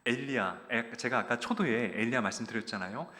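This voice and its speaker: A man's voice: mid-range voice, a little fast, bright, forceful tone. Man preaching in a reverberant church. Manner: earnest exhortation, often addressing the congregation directly. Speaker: pastor. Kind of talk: sermon. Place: church sanctuary. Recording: long church-hall reverb.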